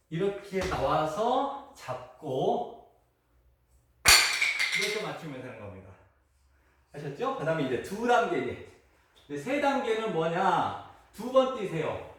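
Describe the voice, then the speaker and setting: A man casually explaining and acting out the steps of a traditional game, with frequent exclamations as he moves. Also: high-pitched. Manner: chatty step-by-step instructions, frequent exclamations while moving. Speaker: host demonstrating a traditional Korean game. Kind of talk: unedited casual demonstration. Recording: echoey, distant camera audio with faint noise.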